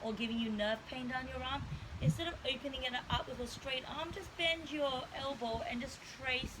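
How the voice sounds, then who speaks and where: A woman's voice: high-pitched, normal speed, noisy background. A woman instructing a guided stretching workout, explaining each movement step by step.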